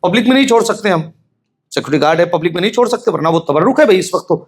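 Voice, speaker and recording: A man preaching a mourning sermon, swinging from hushed storytelling to shouted emphasis and often urging his listeners to pay attention. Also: high voice, lively intonation. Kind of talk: Shia majlis sermon.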